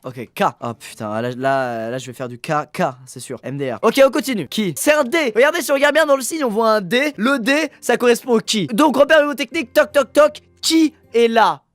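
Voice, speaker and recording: Excitable, fast-talking young man playing a game. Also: very high-pitched, dry recording. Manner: excitable, crude joking, frequent swearing. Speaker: gaming video host. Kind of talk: gaming commentary.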